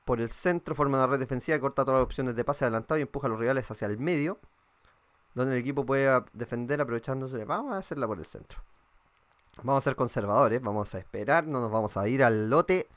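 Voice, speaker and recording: A man's voice: mid-range voice, fast. A young Chilean man with a Chilean accent, chatting casually and swearing while streaming a football game and reading viewers' messages aloud. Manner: casual and swearing, reads chat aloud, thinks out loud. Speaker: gaming streamer. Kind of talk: live-streamed gameplay chat.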